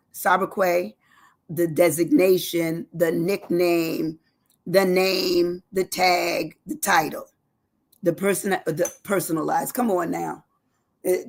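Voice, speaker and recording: A woman's voice: fairly low pitch, creaky. A woman giving a casual spoken lesson from home, repeating and spelling out words with chatty asides. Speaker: educator presenting a word lesson. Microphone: live-stream setup.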